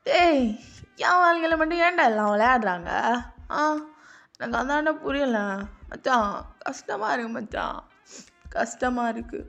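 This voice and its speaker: A woman's voice: fairly high pitch, unhurried, gravelly, pauses often, fairly bright tone, heavily acted. A woman playing a heartbroken young man sulking. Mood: self-pitying. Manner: self-pitying, slangy, sulking. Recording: dull lo-fi audio with music.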